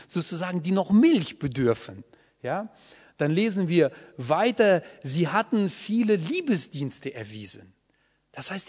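A man teaching a Bible study to a group, explaining patiently and often checking in with a questioning "ja?". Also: fairly high pitch. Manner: explanatory, often asks the audience "ja?". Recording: long hall reverb.

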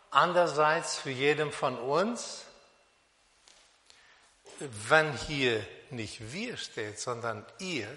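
A man preaching a sermon on a Bible passage, speaking slowly and deliberately with pauses and fillers, in a church hall. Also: medium pitch, pushed and bright. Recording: long reverb of a hall.

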